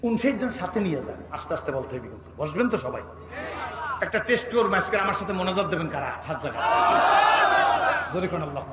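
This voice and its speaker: A Bangladeshi man, preaching a sermon at an outdoor religious gathering and teasing the crowd into shouting responses. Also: high-pitched, very animated, fast talker, pauses often. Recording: echoey outdoor PA with crowd noise.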